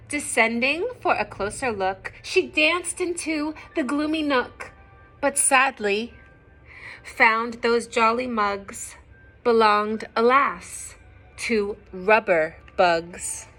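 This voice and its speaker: Female storybook reader, fairly high voice, unhurried, expressive, teacherly asides to kids, faint music behind. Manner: expressive, simple explanations and questions for children. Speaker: teacher reading aloud to children. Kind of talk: storybook read-aloud with asides to young listeners.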